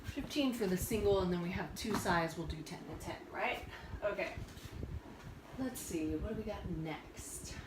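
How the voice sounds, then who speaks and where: A woman's voice: medium pitch, normal speed. A woman leading a workout as a fitness instructor, explaining moves and counting reps informally, often thinking aloud. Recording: roomy, far from mic, noisy.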